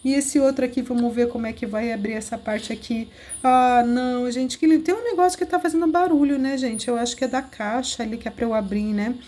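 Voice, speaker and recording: A woman with a Brazilian Portuguese accent hosts an excited gameplay walkthrough video, gushing, giggling and cooing over cute things. Her warm voice is on the high side with fairly even intonation, and she talks briskly with hardly any pauses.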